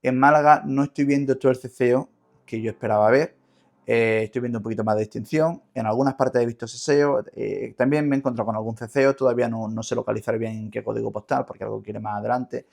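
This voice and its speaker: A man's voice: mid-range voice, steady tone, quick pace, gravelly, darkish tone. A man with an Andalusian Spanish accent explaining things didactically as a linguist in an interview, often repeating words as he searches for the next. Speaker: linguist guest.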